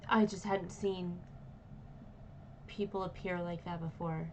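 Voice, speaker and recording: A woman's voice: fairly low pitch, steady tone, a little slow, darkish tone, a little hiss or hum. A woman voicing a startled male gate guard who stammers and hesitates. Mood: flustered.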